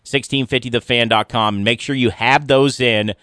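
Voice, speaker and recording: A man's voice: mid-range voice, steady tone, moderate pace, sharp tone, smooth, no room sound. Casual male radio host, dry close sound. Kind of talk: casual off-the-cuff radio talk. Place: radio studio.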